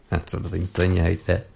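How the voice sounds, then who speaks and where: Gravelly New man spinning a yarn. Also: sits low, mellow. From New Zealand. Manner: chatty, rambling, laughs between lines. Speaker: podcast host and songwriter. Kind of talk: casual storytelling monologue.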